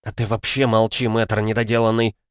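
Brief: man playing a worn-out, hoarse young huntress, blunt and scornful, raised pitch, dry close sound. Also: monotone, brisk, no room sound, close to an everyday voice. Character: exhausted young female hunter, blunt and defiant.

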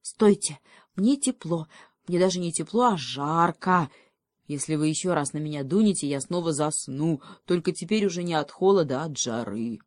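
A woman voicing a small, fussy male hedgehog who chatters quickly. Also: lively intonation, a little mellow, no room sound. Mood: relieved. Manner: quick, chattering, rising to shrill.

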